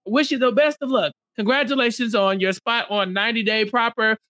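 A podcast co-host chatting casually in an animated way and acting out dramatic reenactments. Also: mid-range voice, brisk, no echo, studio quality. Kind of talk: casual recap chat.

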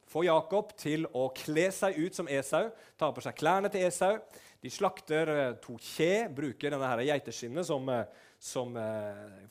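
A man preaching a sermon, retelling a story vividly and briefly acting out the figures' lines. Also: mid-range voice.

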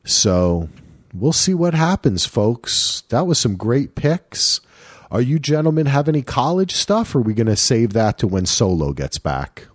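Lively man hosting a sports podcast. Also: medium pitch, measured pace, no room sound, studio quality. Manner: lively, rambling, chuckling asides. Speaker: podcast host. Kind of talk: casual sports chat.

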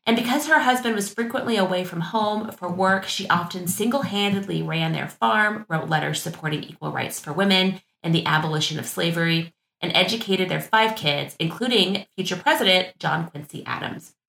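A woman's voice: fairly low pitch, normal speed, vocal fry, hardly any pauses, fairly bright tone, roomy sound, low-quality recording. A woman co-hosting a podcast, reading facts from her notes in a casual chat and laughing easily. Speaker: podcast co-host.

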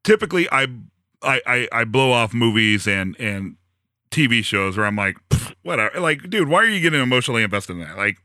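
A man's voice: mid-range voice, big pitch swings, a little fast, bright, forceful tone, dry recording, clean studio sound. A man hosting a podcast, rambling and laughing, swearing freely in casual chat. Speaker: podcast host.

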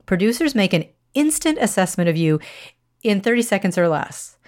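A woman hosting a podcast as a media coach, giving instructional advice in a clear, measured way. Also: medium pitch, very animated, a little mellow.

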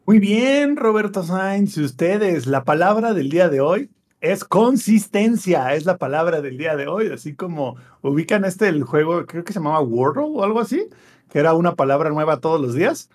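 Husky lively Mexican podcast co-host man. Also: on the high side, a little fast. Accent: Mexican Spanish. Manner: joking, teasing. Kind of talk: casual banter.

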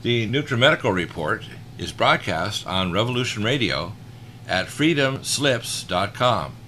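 A man reading a scripted station announcement in the measured manner of a public radio host, with an appeal to listeners. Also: on the low side, very animated, sharp tone, a little hiss or hum.

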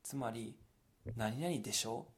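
A man's voice: medium pitch, a little slow, slight background noise. A man with a Kansai accent teaching his dialect to learners, explaining step by step and adding English glosses. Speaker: language teacher.

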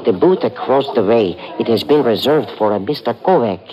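An actor playing a polite, servile waiter in an old radio drama, formal and deferential, always saying sir, over a murmuring restaurant crowd. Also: male voice, medium pitch, lively intonation, moderate pace, highs cut off, lightly acted. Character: polite, servile male waiter, eager to please. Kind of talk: 1950s radio drama acting.

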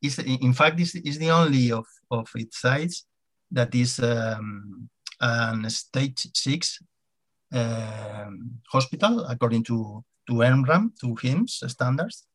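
Male podcast guest, native Spanish with Spanish accent, conversational but halting, repeats words as he explains. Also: mid-range voice. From Spain. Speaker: podcast guest, hospital CIO. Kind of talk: conversational interview.

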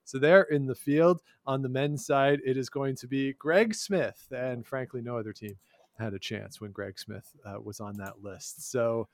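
A man's voice: mid-range voice, measured pace, no echo. A man with a mid-range voice co-hosts a casual sports talk show. He talks with a wry, sarcastic edge and slips chuckles into his asides. The sound is dry and close, with no room sound. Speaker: podcast co-host.

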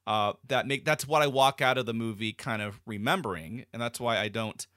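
A man with a bright, forceful voice talks over a film in a relaxed discussion. He pauses on fillers and restarts his sentences as he thinks aloud. The sound is close and dry, with no room around it. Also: medium pitch, no echo. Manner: thoughtful, many fillers and restarts. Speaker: podcast co-host. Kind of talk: casual discussion.

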